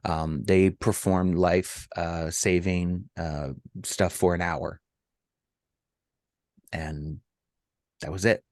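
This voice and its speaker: A middle-aged man, a podcast co-host, telling a personal story in a halting way with many ums and restarts. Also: sits low, steady tone, a little mellow, dry recording, clean studio sound.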